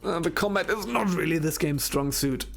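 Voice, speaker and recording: A man's voice: a little high, moderate pace, creaky, fairly bright tone. A man casually commenting as he plays old computer games on a stream, chatty and swearing now and then, with game music behind him. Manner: chatty, swears while playing.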